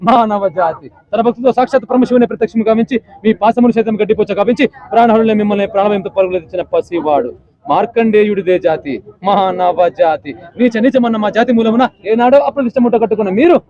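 A man performing a defiant young hero who lectures the god of death in ornate rhetoric. The voice is high and rapid. The recording is muffled and dry. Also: mellow, lightly acted. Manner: rhetorical formal declamation. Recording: dull lo-fi recording.

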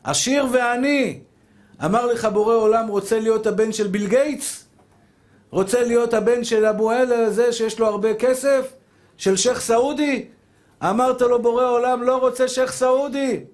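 A rabbi delivers a fervent sermon in a strikingly high male voice. He keeps calling his listeners dear brothers and throws rhetorical questions at them. He acts out dialogues between the soul and God. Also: fairly even intonation. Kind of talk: spoken Torah lesson, sermon.

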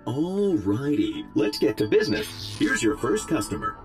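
A man's voice: mid-range voice, wildly swooping pitch, measured pace, faint music behind. A man voicing a cheerful male robot job instructor in a video game, with a robotic voice, giving instructions in an upbeat, instructive way. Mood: chipper. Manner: cheerful, instructive, calls player "human".

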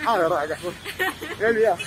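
A young man with a Peruvian Spanish accent, chatting casually to his viewers through a face mask as a food vlogger, recorded on a phone in a restaurant and laughing often. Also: high voice. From Peru. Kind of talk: casual vlog talk to viewers. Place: small restaurant. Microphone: phone camera. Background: loud music.

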